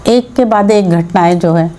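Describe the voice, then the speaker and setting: A woman's voice: fairly low pitch, measured pace, dark tone, a little hiss or hum. A woman legislator answering interview questions firmly, arguing her case with rhetorical questions. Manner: firm, argumentative, rhetorical questions. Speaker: MLA, interview guest.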